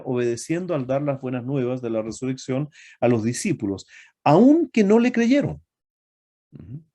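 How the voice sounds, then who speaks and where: The man delivers a sermon, repeatedly asking his listeners rhetorical questions while pausing on fillers and fixing his own wording. His voice sits at a medium pitch and sounds mellow.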